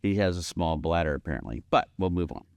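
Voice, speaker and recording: A man's voice: low voice, animated, fast talker, a little mellow, no room sound, studio quality. A man in his fifties co-hosting a podcast, chatting casually with easygoing, wry asides. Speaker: podcast co-host. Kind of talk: casual chat.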